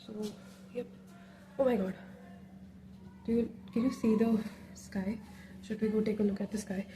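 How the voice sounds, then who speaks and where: Holding her phone at arm's length, a young Indian-accented vlogger talks casually in English and Hindi as she walks outside and spends time on a rooftop terrace. Her medium-pitched voice is warm and steady at a normal speed, with a little hiss or hum.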